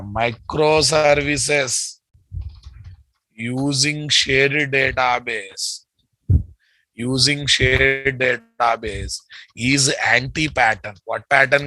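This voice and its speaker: A man's voice: medium pitch, sharp tone, no echo, rough recording. A man with a Telugu Indian English accent teaching a live technical class, repeating phrases and quizzing listeners with checking questions. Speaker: software instructor. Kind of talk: live technical lecture with dictated notes.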